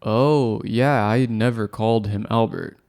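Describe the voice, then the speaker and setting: A man's voice: lowish voice, measured pace, gravelly, a little mellow. A man reading an audiobook, voicing an eager, slightly whiny nerdy gamer in his thirties.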